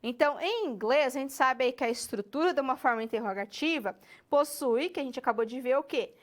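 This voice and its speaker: A woman teaching an English lesson, addressing the student directly and slowing down to model English questions. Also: sits high. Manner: slow, stretched model phrases when demonstrating English questions; talks directly to the student, checks in with tags. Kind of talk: recorded online lesson.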